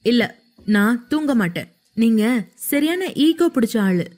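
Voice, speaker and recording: A woman voicing a feisty, quick-tempered young woman who scolds shrilly in a romance audio story. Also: a little high, big pitch swings, darkish tone. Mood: indignant.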